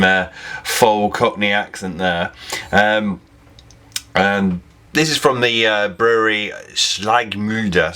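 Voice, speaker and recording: A man with a fairly low voice talks through a beer review at home. He is easygoing and chatty, thinking out loud as he goes and stopping to correct himself. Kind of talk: casual beer review vlog.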